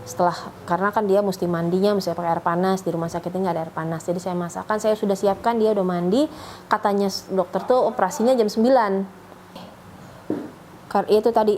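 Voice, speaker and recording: A middle-aged woman recounts her journey as a convert. She speaks in an emotional, chatty way that rambles and restarts often, at a middling pitch, over a faint hum of room ambience. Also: mellow, poor audio. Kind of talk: emotional personal testimony.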